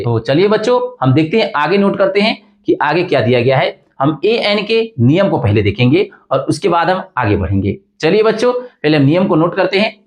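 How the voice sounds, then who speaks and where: Lively man teaching grammar. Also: fairly high pitch. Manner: addresses students as children, asks and answers his own questions. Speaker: English teacher. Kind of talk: classroom grammar lesson at a board.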